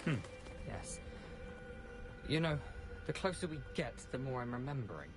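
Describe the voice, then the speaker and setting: An actor playing a ghostly thief in a video game, speaking slowly and theatrically. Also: male voice, mid-range voice, very animated. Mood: wry. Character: ghostly male thief guide, wry and cryptic. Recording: game audio with music underneath.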